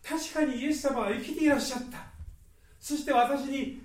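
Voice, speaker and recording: A man's voice: high-pitched, a little fast, mellow, heavy reverb, far from the mic, natural voice. Man quoting a pleading grieving woman disciple. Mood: joyful.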